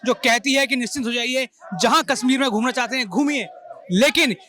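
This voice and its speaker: A man's voice: extremely high pitch, fairly quick, bright, forceful tone. A man interviewing a guest in a news debate, pressing hard with one question after another. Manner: insistent, piles up questions.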